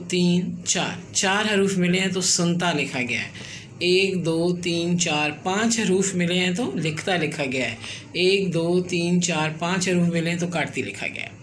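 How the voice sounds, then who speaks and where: A woman teaching letters and words at a slow, unhurried pace, counting each letter out loud. She pauses to check in as she goes. A faint hiss runs behind her voice. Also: fairly low pitch. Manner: counts letters aloud, checks in with "theek hai". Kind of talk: slow step-by-step writing lesson.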